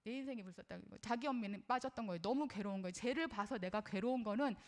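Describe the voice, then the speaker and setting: A woman's voice: medium pitch, rapid-fire. Middle-aged woman, parenting lecturer, earnest and conversational, asks her audience questions. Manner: personal, shares her own experience as a mother.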